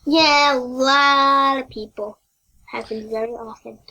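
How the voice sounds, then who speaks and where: A ten-year-old girl talking as a podcast guest, telling stories in a chatty way with many "like" fillers and quoting other kids in lively voices. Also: high-pitched, takes it slowly, poor audio. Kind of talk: casual chat.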